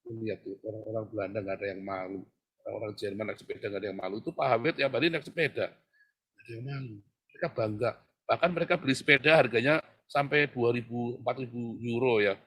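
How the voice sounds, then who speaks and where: A man preaching a sermon, swinging from hushed, prayer-like talk to loud, animated exhortation. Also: mid-range voice, fast talker, breathy edge. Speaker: pastor.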